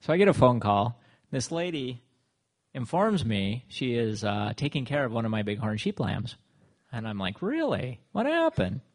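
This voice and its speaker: A man presenting on his wildlife work to an audience, halting and full of fillers and restarts as he tells stories from the field. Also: mid-range voice, expressive. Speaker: wildlife manager giving a presentation.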